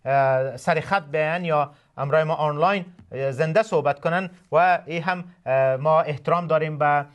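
A man, hosting and preaching a radio sermon in a halting way, with many drawn-out filler sounds. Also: on the high side, lo-fi sound. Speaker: host and preacher.

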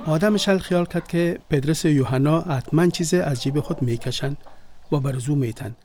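Brief: actor as a friendly, devout visitor in a radio play, Afghan Dari accent, earnest and higher-pitched. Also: male voice, a little mellow, slight background noise, natural voice. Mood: storytelling. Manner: earnest storytelling. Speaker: visiting friend who retells a story. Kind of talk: radio drama acting.

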